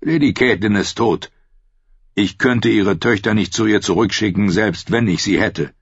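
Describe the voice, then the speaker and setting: A man's voice: fairly low pitch, normal speed, husky, dry recording, voice pushed up. A man reading an audiobook, voicing a cynical, mocking one-handed knight in a dry, sardonic way. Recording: dry, slightly dull studio audio.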